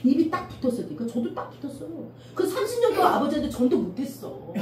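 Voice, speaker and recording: Animated woman pastor preaching in an echoey hall. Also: high voice, quick pace. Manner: animated preaching, often acts out quoted voices. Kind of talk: sermon. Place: church sanctuary. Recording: echoey church room from a distance, faint noise.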